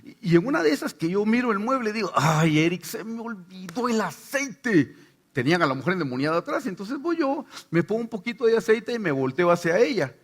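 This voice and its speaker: A man's voice: high-pitched, fast, hardly any pauses. A middle-aged man from Guatemala, a pastor with a Guatemalan Spanish accent, preaching a sermon and telling stories while acting out the voices of the people in them. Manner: animated storytelling, acts out voices.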